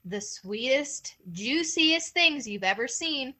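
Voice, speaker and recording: A wrinkled, crafty old male hare from a folktale, sweet and innocent on the surface while scheming underneath, put on by a woman telling the story. His voice is high and lively, rising and falling with feigned meekness, bright in tone. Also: takes it slowly, heavily acted. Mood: sly sweet. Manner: sweet, innocent-sounding, cunning. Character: old, scrawny, sly male hare, quick thinker.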